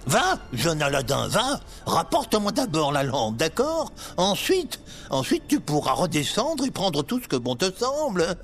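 A man's voice: on the high side, huge pitch swings, unhurried, hardly any pauses, faint music behind, pitched above the performer's own voice, full character voice. A man voicing a scheming evil vizier disguised as an old beggar, with a nasal, mean voice in a storybook reading. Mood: wheedling.

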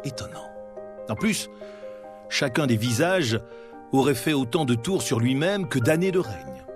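A man's voice: mid-range voice, big pitch swings, measured pace. Man narrating a history documentary. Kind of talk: scripted narration. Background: faint background music.

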